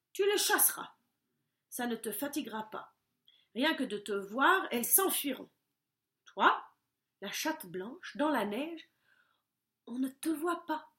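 A woman voicing a scheming, bossy old witch in a storybook, with a cackling, drawn-out delivery. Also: high-pitched, pushed and bright, full character voice.

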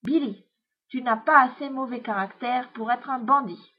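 A woman's voice: fairly high pitch, normal speed, husky. A woman voicing a stern hamster father, a bandit, in a storybook reading, on a dull lo-fi recording.

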